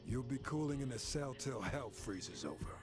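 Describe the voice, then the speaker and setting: A man's voice: mid-range voice, lively intonation, moderate pace, natural voice. An actor playing a corrupt, sneering police officer in a video game cutscene, mocking and gloating as he frames a suspect, with game music behind. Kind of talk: game dialogue acting. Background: game music score.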